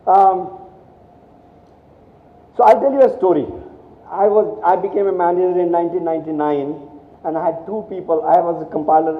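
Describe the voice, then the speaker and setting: A man from India giving a motivational speech to students, telling stories animatedly with many restarts and repeated words. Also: a little high. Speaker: guest speaker at a college. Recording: echoey hall, thin phone-like sound.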